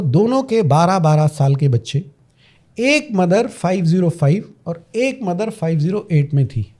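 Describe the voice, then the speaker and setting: A man tells a story on a podcast, dramatic and full of emphatic repeats. His voice sits high but sounds mellow and soft at the edges. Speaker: podcast guest, parenting coach.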